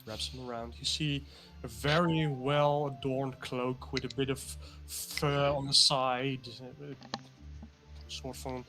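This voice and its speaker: A man narrating a tabletop game as game master, halting and searching for words. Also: medium pitch, little pitch movement, pushed and bright, soft background music.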